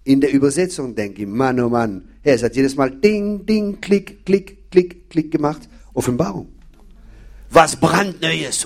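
A man giving a sermon, hammering home key phrases and asking the listeners questions. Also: on the high side. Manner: emphatic, repeating key phrases, addressing the audience with questions. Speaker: preacher.

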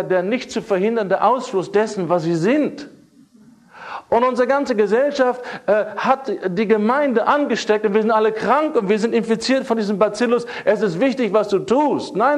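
High-voiced preacher man, emphatic. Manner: emphatic, repeats key phrases, fillers and restarts. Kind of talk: sermon.

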